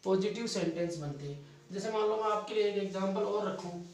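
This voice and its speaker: A man's voice: sits high, fairly quick, darkish tone, distant mic, a little hiss or hum. A man teaching a grammar lesson, asking questions and then answering them himself. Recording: echoey room, voice from off-mic.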